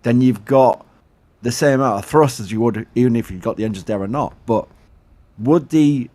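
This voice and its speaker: This livestream host, a man with a Yorkshire accent, keeps his live commentary casual and chatty. He reads out viewer questions, laughs a lot, thanks his supporters and frequently starts over mid-sentence. His voice is mid-range and mellow at a normal speed.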